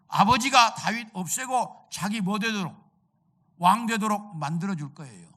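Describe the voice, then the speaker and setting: A middle-aged man delivers a sermon as senior pastor, his pitch rising and falling in wide swings. He tells the story by stepping into each character's lines, then turns to the congregation with questions he answers himself. His tone is bright and forceful. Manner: storytelling preacher who acts out the characters' quoted lines.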